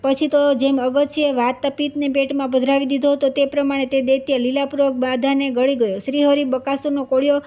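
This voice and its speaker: A woman reading a devotional scripture story aloud in a brisk, steady manner with small restarts. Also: high voice. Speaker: scripture reader.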